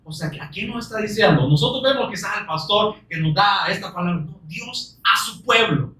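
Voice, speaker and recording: A man preaching a sermon earnestly, asking many rhetorical questions and quoting scripture slowly and with emphasis. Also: high voice, expressive, pushed and bright. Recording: roomy echo, distant mic.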